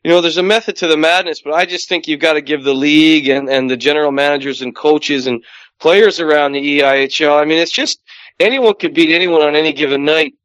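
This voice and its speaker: A man with a Canadian accent, a hockey commentator, talking through the league in a quick, rambling way with many fillers. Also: fairly high pitch, a bit bright, smooth, dry recording. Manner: fast, rambling analysis with fillers. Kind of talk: casual sports chat.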